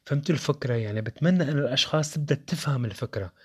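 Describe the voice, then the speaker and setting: A man's voice: mid-range voice, very fast, slightly rough. A young man with a Levantine Arabic accent, giving his opinions on phones in casual, rhetorical talk that speaks straight to viewers. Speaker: tech reviewer.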